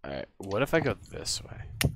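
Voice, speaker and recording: A man's voice: lowish voice, very animated, normal speed, noisy background. A man streaming a spooky game, muttering casual commentary half to himself.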